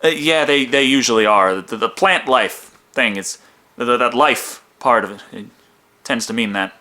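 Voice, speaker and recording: A man's voice: medium pitch, moderate pace, sharp tone. A man narrating a comedic film review in a sarcastic, profane, mock-hesitant manner.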